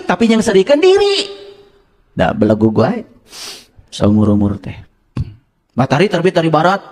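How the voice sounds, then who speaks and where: A man giving an interactive religious lecture, teasing and quizzing his audience. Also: high voice. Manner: playful, quizzes and teases the audience, switches into local phrases. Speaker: religious teacher.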